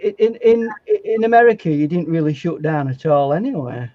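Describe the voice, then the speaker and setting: A man's voice: on the high side, animated, normal speed, no echo, narrow, tinny audio. A man from England chatting casually and joking on a live painting stream, often stumbling and restarting his sentences. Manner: jokey, stammering restarts. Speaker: guest artist.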